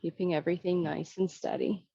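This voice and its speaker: A woman instructor giving serene, soothing tai chi cues, gently guiding movement and breath in an unhurried way. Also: lowish voice, steady tone, gravelly, slightly rough, no room sound, dull audio.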